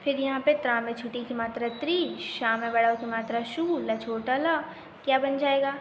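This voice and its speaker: A woman's voice: fairly high pitch, normal speed. A woman teacher giving a primary school grammar lesson, asking questions and answering them herself as she spells out syllables. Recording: echoey room with faint noise.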